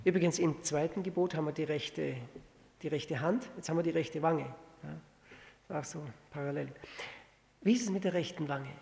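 Gravelly guy preaching, asks the crowd questions, reads verses real slow, big hall echo. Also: a little high, a little mellow. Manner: teaching with rhetorical questions, reads scripture slowly. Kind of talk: sermon. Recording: long reverb of a hall.

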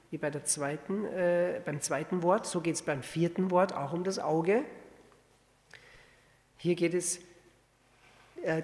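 A man preaching a sermon, teaching with rhetorical questions and reading scripture slowly and deliberately. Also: high-pitched. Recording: long reverb of a hall.

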